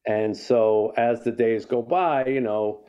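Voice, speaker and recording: A man's voice: mid-range voice, slow pace, dark tone, clean tone, lo-fi sound. An older man, an author guest in a conversational interview, telling a story and reflecting, often restarting his sentences.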